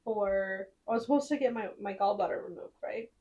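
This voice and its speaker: A woman's voice: medium pitch, fairly quick, warm tone, far from the mic, muffled recording. A woman co-hosting a casual podcast, telling stories and quoting herself and others, swearing now and then. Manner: chatty storyteller, quotes herself and others. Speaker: podcast co-host. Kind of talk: casual chat.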